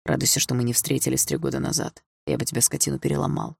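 A furious young man speaks through gritted teeth with restrained menace, as a male narrator reads him. The voice is low and gravelly. It is an audiobook reading, recorded dry and close. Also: little pitch movement, fast talker, no echo. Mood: menacing.

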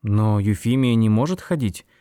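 A man voicing a curious, quick-witted young woman in an audiobook, speaking in an eager, questioning way. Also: on the low side, lively intonation, dark tone, smooth, no echo, clean studio sound, natural voice.

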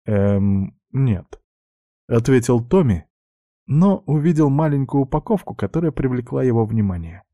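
A man's voice: medium pitch, expressive, moderate pace, warm tone, no echo, lo-fi sound. A man reading a novel aloud as an audiobook narrator, telling the story steadily and voicing each character in turn.

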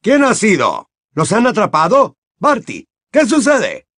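A man's voice: high voice, huge pitch swings, fairly bright tone, no echo, studio quality, pitched above the performer's own voice, heavily acted. A man reading an audiobook and voicing a flustered, breathless male wizard official who fires off questions. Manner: rapid-fire questions, flustered.

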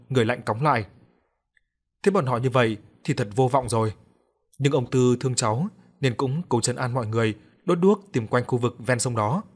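A man narrating an audiobook in a steady, measured way. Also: mid-range voice. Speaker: storyteller.

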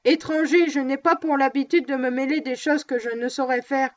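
A woman's voice: sits high, steady tone, normal speed, muffled recording, natural voice. A woman reading aloud, voicing an irritable, blustering dog owner who gives stern, solemn warnings.

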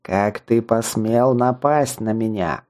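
A male narrator voicing a menacing hooded necromancer with a rasping, rumbling demonic voice, drawn out slowly in an audiobook. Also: a little mellow. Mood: contemptuous. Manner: slow, drawn-out hiss.

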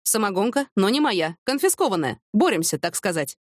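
A woman's voice: mid-range voice, big pitch swings, a little fast, no room sound, studio quality. A woman voicing a flustered police captain. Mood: defensive. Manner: defensive, awkward.

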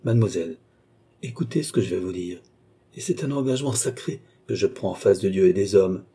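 A man's voice: low voice, lively intonation, a little fast, gravelly, warm tone, breathy edge, exaggerated voice. A man reading an audiobook, voicing a remorseful young man who pleads with earnest intensity. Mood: pleading. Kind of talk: audiobook character voice.

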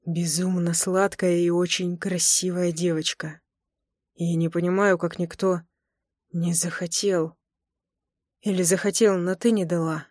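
A woman voicing a teasing, tender young man in an audiobook, speaking low and slow in a murmur. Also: little pitch movement, a little mellow, dry recording, studio quality. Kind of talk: audiobook character voice.

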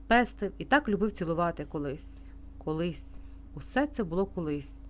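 A woman narrating a novel as an audiobook reader in an even, expressive storytelling manner. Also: on the low side, moderate pace, slight background noise. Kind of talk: scripted narration.

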